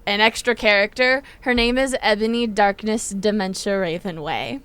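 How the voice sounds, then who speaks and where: A woman's voice: mid-range voice, normal speed, fairly bright tone, clear, resonant tone. Eager young woman explaining at length. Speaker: podcast co-host. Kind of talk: casual chat.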